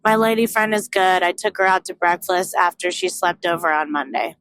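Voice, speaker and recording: A woman's voice: lowish voice, fairly quick, fairly bright tone, no echo, poor audio. A young woman telling a casual vlog story, candid and profane, acting out both sides of a conversation. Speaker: vlogger. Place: in a car on a road trip.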